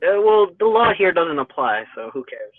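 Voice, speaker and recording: A man calling in hands-free from his car in traffic, his voice muffled and underwater-sounding over the phone, talking haltingly and repeating words. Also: a little high, sing-song, dry recording. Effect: muffled underwater-sounding phone line. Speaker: caller. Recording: tinny dry phone line.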